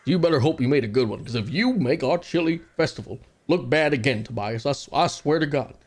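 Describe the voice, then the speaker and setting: A man voicing a gruff middle-aged male town constable with a folksy, commanding drawl. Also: a little high, expressive, fairly quick. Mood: scolding.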